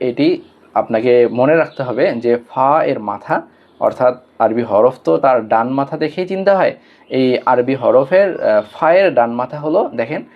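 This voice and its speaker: A male Quran teacher with a Bangladeshi Bengali accent, talking at a middling pitch as he walks students through the Arabic letters. He speaks patiently, draws out each letter name slowly and clearly, and the audio sounds a little dull and muffled. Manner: patient, explains step by step, drawn-out letter names for repetition. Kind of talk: online lesson on Arabic letters.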